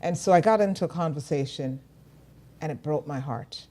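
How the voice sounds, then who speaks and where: A middle-aged woman from Jamaica, co-hosting an interview show, telling stories in an animated, lively way. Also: low-pitched, normal speed. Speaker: co-host. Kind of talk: casual interview talk.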